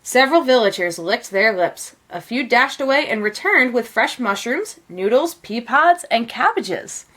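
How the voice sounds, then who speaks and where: A woman narrates a children's picture book. Her voice sits fairly high and moves widely in pitch, with measured, expressive storytelling.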